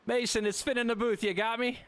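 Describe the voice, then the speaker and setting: A young man calling a sim racing broadcast, excitable and quick to laugh during close battles. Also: very high voice, smooth, dry recording. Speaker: race commentator.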